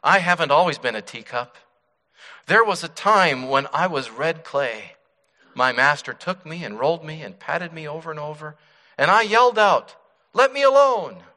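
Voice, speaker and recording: A man voicing a suffering clay teacup that pleads and cries out in high, strained bursts. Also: lively intonation, normal speed, pushed and bright, long reverb tail. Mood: pleading, anguished.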